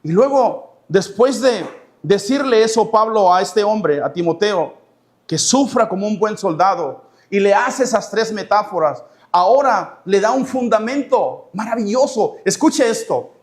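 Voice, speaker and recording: A male pastor preaching a sermon, animated, repeating words and voicing prayers aloud. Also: high voice, measured pace. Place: church sanctuary.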